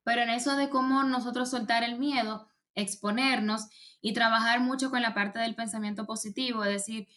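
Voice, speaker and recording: A woman coaching on public speaking in a relaxed conversation, explaining at length with many fillers and restarts. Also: fairly high pitch, normal speed. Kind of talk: casual advice chat.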